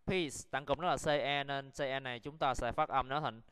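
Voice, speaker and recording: A man's voice: medium pitch, steady tone, moderate pace, a bit bright, clear, resonant tone, long reverb tail. A Vietnamese man with a Vietnamese accent teaching an online English lesson, drilling words for students to repeat and explaining in Vietnamese.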